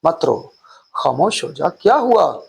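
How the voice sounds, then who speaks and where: A preacher playing an authoritative older man who calls out to a weeping stranger and comforts him. The delivery is firm yet gentle. The voice is gravelly and husky and pitched a little high. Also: big pitch swings, full character voice. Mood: urging. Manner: urgent, consoling.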